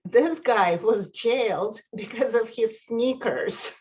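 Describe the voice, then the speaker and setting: Woman speaker at a college event, unhurried and halting, recording a bit muffled. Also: on the high side, darkish tone. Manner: hesitant, many pauses and ums. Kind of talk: prepared talk to an audience.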